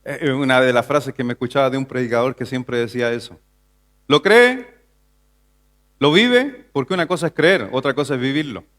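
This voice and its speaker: A man's voice: fast talker, hardly any pauses, a bit bright. A man from Chile, a pastor, preaching a Sunday sermon in church, asking the congregation questions and building to emphatic passages. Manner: preaching with rhetorical questions, rising to an emphatic pitch. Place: church sanctuary.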